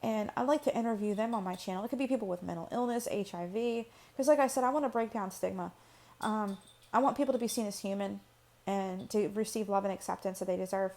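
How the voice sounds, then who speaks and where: Speaking fast in a medium-pitched, slightly mellow voice, this channel host chats personally to camera. Her vlog talk is casual and rambling, with fillers and false starts.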